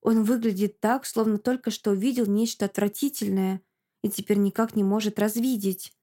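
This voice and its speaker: A woman narrating a first-person audiobook with an expressive, emotional reading. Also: medium pitch, moderate pace.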